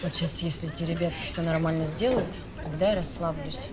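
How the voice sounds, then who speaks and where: An actress playing a brisk, anxious, sharp-tongued party organiser in a melodrama series, pushy and sarcastic. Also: female voice, sits low, steady tone, background noise, lightly acted. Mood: anxious, insistent. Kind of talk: naturalistic screen acting in a melodrama series.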